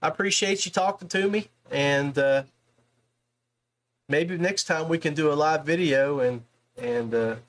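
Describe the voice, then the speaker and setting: Interviewing anglers on his podcast, this host from West Virginia, United States keeps things folksy and friendly, dropping "man" and "brother" often. He speaks at a measured pace in a fairly high voice.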